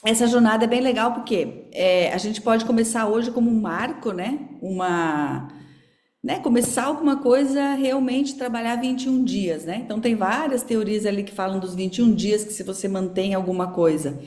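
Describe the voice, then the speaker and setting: A woman's voice: mid-range voice, normal speed, darkish tone. Brazilian woman teacher, casual chatty delivery, online class, roomy echo. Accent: Brazilian Portuguese. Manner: casual, chatty, with many fillers. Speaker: course teacher.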